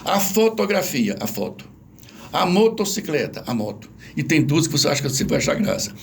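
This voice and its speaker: A man's voice: a little high, a little fast, creaky, slight background noise. A man with a Brazilian accent, a language professor explaining things patiently in an interview. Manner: didactic, animated, spells out examples.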